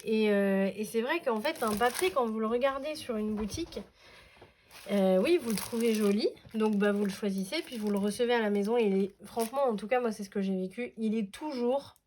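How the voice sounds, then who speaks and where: A woman's voice: on the high side, brisk, a little mellow. A woman chatting casually as she unboxes scrapbooking paper, enthusiastic and full of fillers. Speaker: scrapbooking vlogger. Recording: noisy room with paper crinkling.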